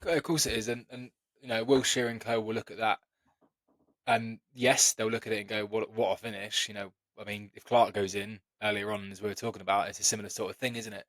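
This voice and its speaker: Guy on a football podcast, kinda low monotone, dry mic, breaks it all down slowly. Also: dry recording. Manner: measured, analytical, repeats words while thinking. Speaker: podcast co-host. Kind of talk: casual football podcast chat.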